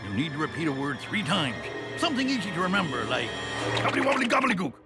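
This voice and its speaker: An eerie, theatrical cartoon inventor, smug and sinister. The voice creaks and swoops wildly, with loud music underneath. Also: male voice, on the high side, very animated, fast. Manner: theatrical, mock-ominous. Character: eccentric sinister top-hatted animal inventor, theatrical and smug. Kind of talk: cartoon voice acting.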